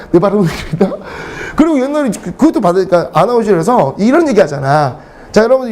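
A middle-aged English lecturer, his voice high-pitched and a little mellow, delivers lively classroom storytelling full of blunt comedy and free swearing for laughs.

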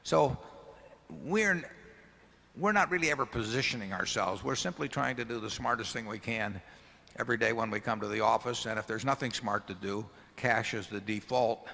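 A man's voice: mid-range voice, normal speed, creaky, pushed and bright. An older man answering shareholder questions on a large arena stage at a table microphone, talking in a folksy, rambling way with many restarts. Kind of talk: casual conversational answers at a meeting. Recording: long hall reverb from arena PA.

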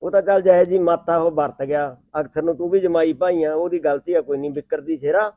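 A man playing a village father who calms his crying daughter and soothes his son-in-law in a homemade comedy film. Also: on the high side, fairly quick, no room sound, muffled recording, lightly acted. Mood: soothing. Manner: coaxing, repeats himself.

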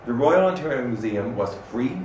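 A middle-aged man from Canada giving an animated, expressive public talk as an arts director in a small room. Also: mid-range voice, normal speed. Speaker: arts director speaking at a salon. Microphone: standing microphone. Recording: echoey room from far off, faint noise.

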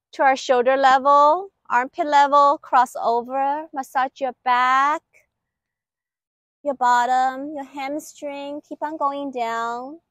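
A woman's voice: high-pitched, a bit bright, no echo. A middle-aged woman instructing a qigong routine step by step in short, clipped directive phrases. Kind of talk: exercise instruction, step-by-step cues. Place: outdoor lakeside paved terrace.

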